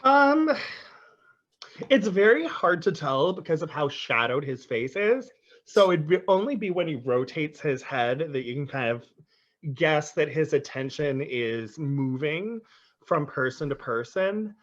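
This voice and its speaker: A man narrating as dungeon master, hesitant and filling his pauses with ums. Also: a little high, expressive, a bit bright, highs cut off. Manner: hesitant, lots of um and like. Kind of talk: narrating a tabletop game.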